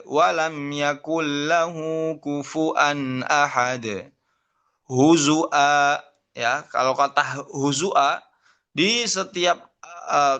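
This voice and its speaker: A young man from Indonesia giving an online lesson on Quran recitation, explaining patiently and chanting verses in a drawn-out tone. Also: medium pitch, vocal fry, sharp tone. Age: young adult.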